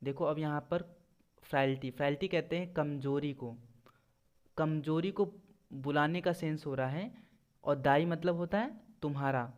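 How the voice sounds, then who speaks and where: A man gives a classroom lesson, speaking slowly and with care, and spells out each English example as if for dictation. His voice sits a little high for a man. He poses questions to the class and answers them himself. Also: highs cut off. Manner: slow, deliberate dictation of English examples, explaining in Hindi; asks and answers his own quiz questions. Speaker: English teacher. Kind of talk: classroom lesson explaining poetic devices.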